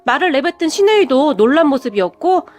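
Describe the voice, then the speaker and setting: A woman narrates a scripted radio story in a polite, storytelling manner. Her voice is high and lively, rising and falling a lot. Faint music plays underneath. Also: fast.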